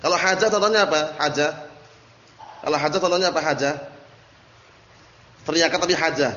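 A man's voice: fairly high pitch, fairly bright tone. A man teaching a religious study class, explaining a text line by line and asking his listeners questions. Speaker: Islamic teacher. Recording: echoey hall, dull lo-fi audio, faint hiss.

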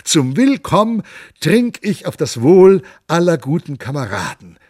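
A man's voice: fairly high pitch, very animated, measured pace, darkish tone, no room sound, studio quality, voice pushed up. A man voicing a sly young cavalier who plays a poor devil, wheedling and pleading, at times shrieking in a frenzy.

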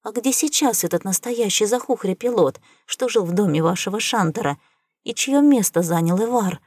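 A woman voicing a gullible, excitable male alien trader who loves gossip, talking eagerly in an audiobook. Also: medium pitch, husky, no echo, clean studio sound. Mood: earnest, loud. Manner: eager, gasping, quick to believe. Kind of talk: audiobook character reading.

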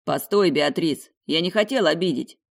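A woman's voice: deep voice, animated, normal speed, creaky. A confident nobleman with a pompous, self-satisfied intonation, voiced by a woman reading the audiobook. He stays close to the narrator's own voice, marked more by attitude than by any change of tone. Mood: apologetic. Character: confident male duke, pompous and teasing.

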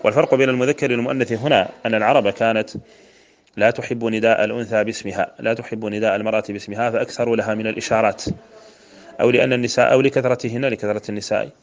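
A man's voice: on the low side, fairly even intonation, racing. A man from Mauritania, a sheikh teaching grammar, who goes through a poem line by line, repeats word forms and chants the verses he quotes. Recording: dull lo-fi recording.

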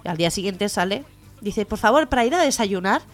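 A woman co-hosting a radio comedy show, telling jokes in a lively, playful way. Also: mid-range voice, a little fast, soft background music.

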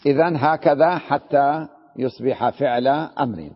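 A sheikh teaching grammar in a hall. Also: male voice, mid-range voice, a little slow. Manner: explains step by step, often asks the class questions. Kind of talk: classroom lesson. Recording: dull lo-fi recording in a reverberant hall.

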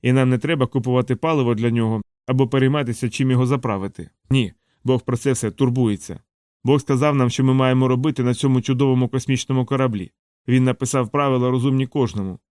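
A man's voice: mid-range voice, fairly even intonation, fast, a little mellow, clear, resonant tone, dry recording, lightly acted. A man voicing a folksy revivalist preacher who addresses a crowd with rhetorical questions in a dry, close audiobook recording. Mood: preaching.

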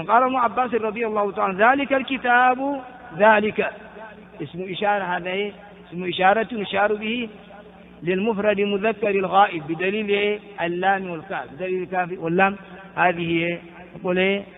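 A man teaching a lesson on Quran exegesis, explaining at length with rhetorical questions and chanting verses slowly between explanations. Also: high-pitched. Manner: frequent restarts and rhetorical questions. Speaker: Islamic scholar teaching tafsir. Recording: tinny phone-like recording with long reverb.

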